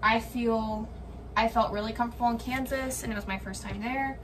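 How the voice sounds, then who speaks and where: A woman's voice: fairly high pitch, steady tone, moderate pace, distant mic. A young woman chatting casually to viewers while she preps meals, rambling with lots of likes and ums. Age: young adult. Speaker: vlogger. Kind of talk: casual chat while cooking. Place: home kitchen, indoors. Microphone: camera on the counter. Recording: off-mic with clear room noise.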